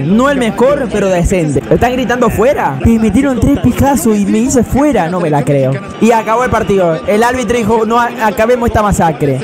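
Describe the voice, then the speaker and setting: A man gives excitable, joking live reactions to a football match and chats to his cat. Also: high-pitched.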